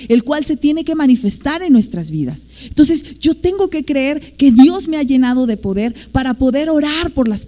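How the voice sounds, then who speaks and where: A Mexican woman preaching to her congregation in a mellow, warm voice that sits a little high. She tells her points like a story and keeps checking in with her listeners. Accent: Mexican Spanish. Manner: storytelling, acts out quoted voices, asks "¿sí?" often. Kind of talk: sermon.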